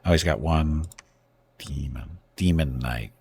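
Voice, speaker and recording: Guy streaming a strategy game, super low voice, lots of fry, talks to himself and fixes his own words, bit of hiss behind. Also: darkish tone. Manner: thinking aloud, self-correcting, halting. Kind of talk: casual gameplay commentary.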